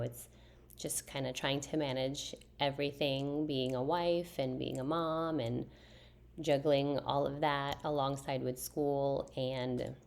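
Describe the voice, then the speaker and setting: A woman in her thirties from the Philippines, whose first language is a Philippine language, answers viewers' questions in a relaxed, chatty talk to camera. She is soft-spoken, with a very low voice and gravelly fry, and often pauses, restarts and uses fillers.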